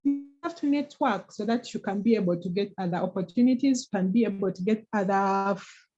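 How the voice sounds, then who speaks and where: A woman's voice: medium pitch, a little fast, over music. A woman co-host giving an earnest, encouraging talk about forgiveness and moving forward. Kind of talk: motivational talk. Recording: dull, lo-fi online call audio.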